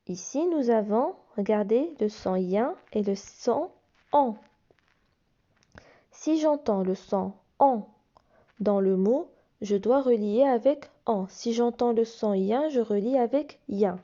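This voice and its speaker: Woman teacher going slow, patient and dark-toned, spelling out letters for kids, kinda dull lo-fi audio. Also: a little high, expressive. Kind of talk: phonics lesson explaining workbook exercises.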